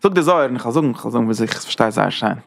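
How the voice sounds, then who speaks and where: A man teaching a Torah class in a lively lecture style, talking with sudden leaps in pitch. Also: rapid-fire, gravelly.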